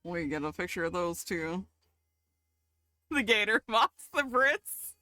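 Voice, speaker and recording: Lady streamer, slow drawl, giggles a lot, dry close mic. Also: medium pitch, dry recording. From American South. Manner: giggly, chatty, easily excited. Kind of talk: casual chat with live chat.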